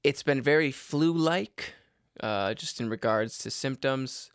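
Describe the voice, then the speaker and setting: Male podcast host, worn out and sick, gravelly and dry, rambling casual update. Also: takes it slowly, no echo. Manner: low-energy, rambling with many fillers and restarts. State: tired and unwell.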